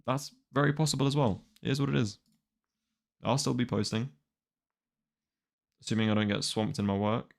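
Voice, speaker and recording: A man's voice: medium pitch, fairly even intonation, moderate pace, creaky, pauses often. A twenty-year-old man chatting casually and wryly to a live-stream audience, rambling and exasperated. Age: 20s. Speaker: manga reaction streamer.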